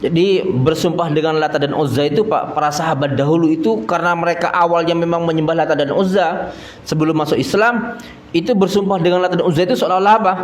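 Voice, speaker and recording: A man teaches a religious study circle in a homely, joking tone, his voice sitting a bit high. The prayer hall rings around him, with a faint hiss underneath. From East Java, Indonesia. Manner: folksy, keeps addressing listeners as sir, chuckles at own jokes. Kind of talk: mosque study sermon.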